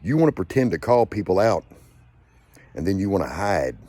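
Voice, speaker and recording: Angry low-voiced man ranting. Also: very animated, normal speed, warm tone, no room sound. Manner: angry, profane, repetitive ranting. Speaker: channel host. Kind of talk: angry rant to camera.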